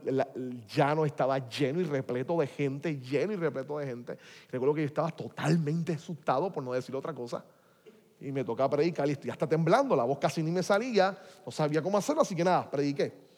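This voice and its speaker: A man preaching a testimony, telling his story animatedly and swinging from hushed to loud. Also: mid-range voice. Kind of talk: sermon testimony. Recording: long hall reverb.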